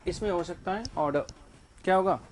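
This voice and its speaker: Man, high voice, classroom teacher, asks and answers his own questions. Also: a little fast, slight background noise. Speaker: English teacher. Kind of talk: classroom grammar lesson.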